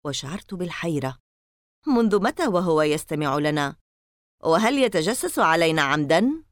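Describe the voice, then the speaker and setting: A woman narrating an audiobook novel with expressive storytelling. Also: deep voice, normal speed, no echo, studio quality.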